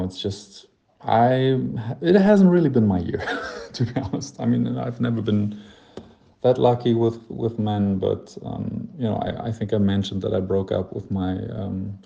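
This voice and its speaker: Late-twenties German man, casual voicemail, halting and self-deprecating, gravelly low voice. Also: dull audio. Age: 20s. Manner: rambling, hesitant, full of fillers and restarts; self-deprecating, soft laughs. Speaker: voicemail sender. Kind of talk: casual voice message.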